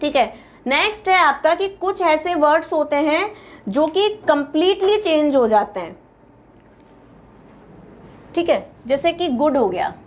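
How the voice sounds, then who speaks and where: With slight background noise, a woman with an Indian accent and a high voice patiently explains English grammar to her class, going over word lists slowly and addressing her students as "beta".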